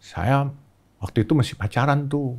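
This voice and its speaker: An older man, his voice sitting at a middle pitch. He tells a long story in relaxed podcast chat. Now and then he jumps high and loud to act out shouted lines. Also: normal speed. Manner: animated, shouts quoted lines in a much higher voice. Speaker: podcast guest. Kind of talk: casual storytelling.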